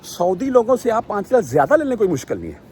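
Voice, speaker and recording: A man's voice: sits high, huge pitch swings, a little mellow, a little hiss or hum. A man from Pakistan, vlogging outdoors on a city street and animatedly retelling an argument before turning to lecture his listeners. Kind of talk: casual storytelling vlog.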